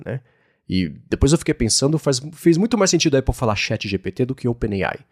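A man's voice: mid-range voice, a little mellow, dry recording, clean studio sound. A man with a Brazilian Portuguese accent, a tech podcast co-host explaining ideas in casual chat, with many asides and restarts.

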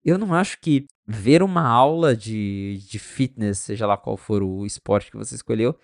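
A man co-hosting a podcast in casual tech chat, animated and chatty, acting out little dialogues with friends. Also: on the low side, normal speed, gravelly, no echo, studio quality. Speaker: podcast co-host.

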